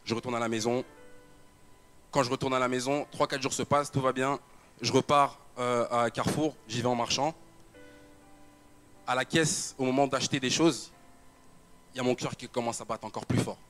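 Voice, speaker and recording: Young man, personal testimony, repeats himself, soft music behind. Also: mid-range voice, fairly even intonation, normal speed, long pauses. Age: young adult. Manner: storytelling with repetitions and fillers. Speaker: church member giving a testimony. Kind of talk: personal testimony told to an audience.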